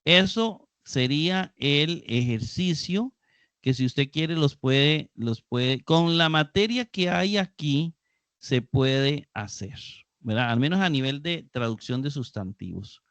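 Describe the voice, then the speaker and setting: A man leads a live online Greek grammar class at an unhurried pace, patiently repeating key terms. His voice sits a little high and sounds dry and close to the mic. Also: expressive, a bit bright, dry recording. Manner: patient, explains slowly and repeats key words. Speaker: Greek teacher.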